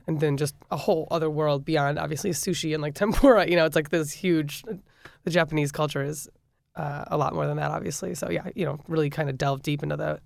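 A woman's voice: sits low, creaky, no room sound, studio quality. A woman in her thirties from the American Midwest, a chef being interviewed, talking casually with lots of fillers and laughter. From Midwestern United States. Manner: chatty, frequent fillers and laughs. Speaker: chef and restaurant owner, guest.

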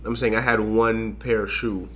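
Young guy from haiti, low-ish but bright voice, lots of um and restarts, light hiss. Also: little pitch movement, normal speed. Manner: rambling, many fillers and restarts. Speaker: guest, design lecturer. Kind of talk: casual interview conversation.

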